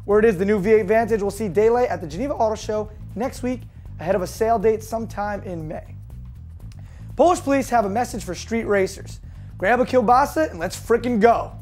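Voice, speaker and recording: A hoarse woman hosting a daily car news show, reading scripted news with jokey deadpan asides. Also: mid-range voice, a little fast, faint music behind. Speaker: host.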